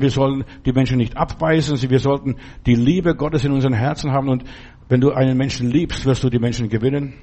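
Earnest husky male preacher. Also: medium pitch, dark tone. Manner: earnest, fatherly, addresses listener as du. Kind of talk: sermon with Bible reading.

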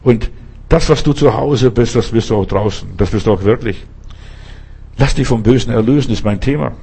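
A man's voice: mid-range voice, moderate pace, vocal fry, dark tone, slightly rough. A male preacher giving an emphatic sermon, speaking straight to the listener with pointed rhetorical questions.

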